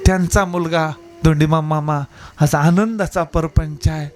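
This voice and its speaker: A man's voice: a little high, steady tone, a little slow, soft background music. A man telling a devotional story as a sermon, emotional and addressing his listeners directly. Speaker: devotional preacher.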